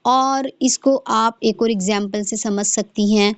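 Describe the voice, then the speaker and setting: A woman's voice: medium pitch, fairly even intonation, dry recording. A woman teaching an online recitation class, patiently explaining step by step, demonstrating sounds and checking in with her students often. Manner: checks understanding often with "theek hai".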